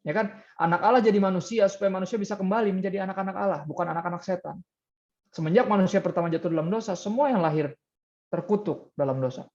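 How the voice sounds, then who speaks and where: A man's voice: high voice, fast, darkish tone, lo-fi sound. A man preaching a sermon as pastor in a conversational way, often throwing rhetorical questions to the congregation.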